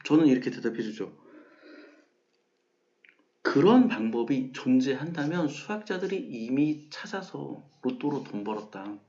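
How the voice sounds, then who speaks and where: Male math host, conversational lecture delivery, acts out quoted questions, mid pitch, slightly dull audio. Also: lively intonation, measured pace, dark tone. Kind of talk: casual explanatory lecture.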